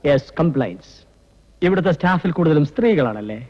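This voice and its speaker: Casting: a blustering fake officer, high lively voice, dull lo-fi film sound. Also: male voice, normal speed. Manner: blustering, mixes English into speech. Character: bumbling man posing as a pompous police officer. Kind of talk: film acting.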